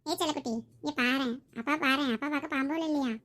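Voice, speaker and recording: A woman's voice: high-pitched, quick pace, a bit bright. A woman voicing an impatient father who coaxes and scolds his small son at mealtime. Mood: coaxing. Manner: coaxing then scolding, exasperated.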